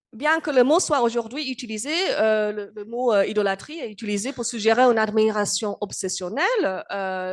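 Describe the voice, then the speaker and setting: A woman delivers an academic lecture with a non-native accent. She talks in a halting way, full of fillers, and often restarts her sentences. Her pitch sits in the middle range. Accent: non-native speaker of French. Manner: hesitant, many fillers and restarts.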